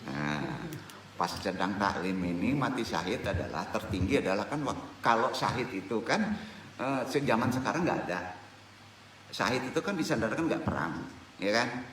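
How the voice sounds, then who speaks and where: An older man teaches a religious study group in a lively, swooping voice, teasing and quizzing the people in front of him. He sounds set back from the mic, in an echoey hall with a faint hum of room noise. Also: lowish voice, moderate pace. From West Sumatra, Indonesia. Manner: animated, joking, quizzes the audience. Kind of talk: informal religious study lecture. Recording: echoey hall recorded from a distance.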